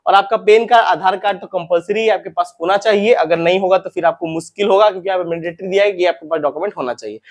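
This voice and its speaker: Casting note: young male host, high voice, quick and chatty, keeps repeating key points to his viewers. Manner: addresses viewers as friends and brothers. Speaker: recruitment info channel host. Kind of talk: informal advice talk to viewers.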